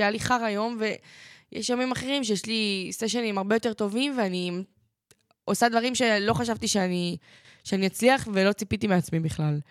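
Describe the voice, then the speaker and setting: A woman co-host chats through her personal stories in an easy, reflective way. Her voice sits at a middle pitch, and the recording sounds dry and close with no room echo. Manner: chatty, reflective storytelling. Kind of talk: casual chat.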